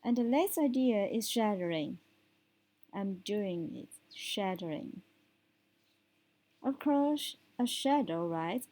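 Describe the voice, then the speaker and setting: A woman teaching English speaking tips, explaining step by step and often checking in with a quick question. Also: medium pitch, lively intonation, mellow, rough recording. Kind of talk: spoken language lesson.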